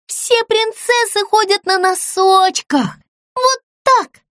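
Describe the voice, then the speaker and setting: A woman voicing a bratty, spoiled young girl doll in a storybook, shrill and bossy. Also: takes it slowly, a bit bright, dry recording, studio quality, exaggerated voice.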